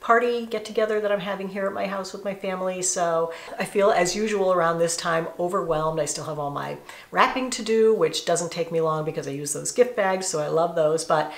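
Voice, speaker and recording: A middle-aged woman talks to her viewers from home in a low, relaxed voice. She chats casually and confidingly, wandering into asides and fillers as she goes. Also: brisk. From northeastern United States. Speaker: vlogger. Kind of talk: casual vlog chat.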